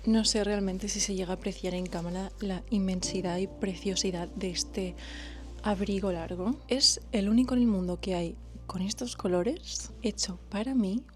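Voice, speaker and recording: A woman from talks through her vlog in an excited, chatty way, dropping English words into her sentences. Her pitch sits in an ordinary middle range. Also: normal speed, soft background music. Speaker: fashion vlogger. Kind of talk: casual vlog chat.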